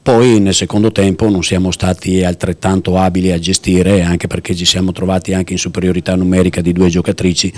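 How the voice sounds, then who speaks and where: A man's voice: low voice, flat delivery, a little mellow. A man in his fifties, a football coach in a post-match interview, talking firmly and with frustration into a handheld mic. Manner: firm and frustrated, quick emphatic lists. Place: in front of sponsor backdrop at a stadium. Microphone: handheld mic held by interviewer.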